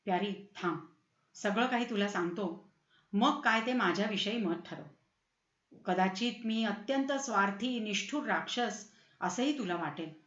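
A woman's voice: mid-range voice, measured pace, a bit bright, reverberant, dull audio, lightly acted. A woman voicing a passionate, hot-tempered young prince in a storybook reading. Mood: earnest.

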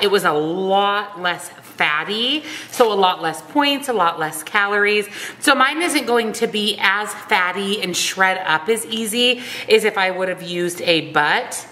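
A woman in her thirties chatting brightly through a cooking walkthrough in her home kitchen. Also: mid-range voice, slight background noise. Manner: upbeat, chatty. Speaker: food vlogger.

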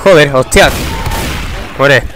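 A young man giving casual, excitable gameplay commentary, swearing and breaking into shouts. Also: fairly high pitch, takes it slowly. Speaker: gamer. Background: game music.

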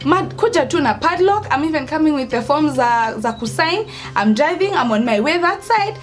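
Indoors at home near an open doorway, a young woman with a Kenyan accent tells a story casually to the camera, dramatically voicing the dialogue and switching into Swahili. Her voice sits high and sounds animated, delivered at a moderate pace.

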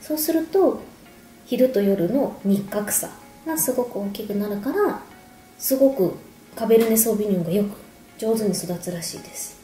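A woman's voice: mid-range voice, lively intonation, normal speed, mellow. A woman in her thirties giving a casual explanation to camera while sipping a drink and snacking. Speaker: wine explainer, video host. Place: echoey indoor room at home. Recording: echoey room with background music. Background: music.

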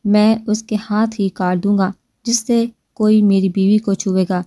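A woman voicing a stern, possessive young husband who speaks in a serious, measured way, read in a storybook. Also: medium pitch, fairly even intonation, mellow, dry recording, clean studio sound, lightly acted.

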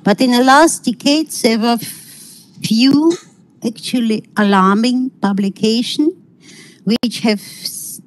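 Slow, halting middle-aged woman lecturing online. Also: a little high, low-quality recording. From Kazakhstan. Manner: halting, searching for words, non-native phrasing. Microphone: video call.

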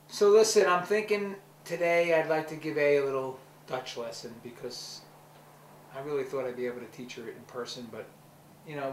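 A man's voice: fairly high pitch, distant mic, a little hiss or hum. A man recording a playful, affectionate video message that he speaks directly to a child, among cannabis plants. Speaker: vlog host. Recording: roomy, from the mic, faint ambience.

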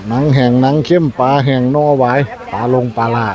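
A market vlogger with an Isan northeastern Thai accent gives a casual tour of an outdoor roadside market, hyping the cheap prices and repeating phrases to his viewers. His mid-range voice is steady and brisk. Crowd noise and passing vehicles fill the background.

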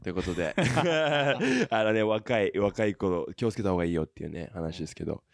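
A man's voice: lowish voice, very animated, a little fast, creaky, dry recording, studio quality. A young man hosting a casual podcast interview, upbeat and eager, full of casual slang and praise for his guest. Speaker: podcast host.

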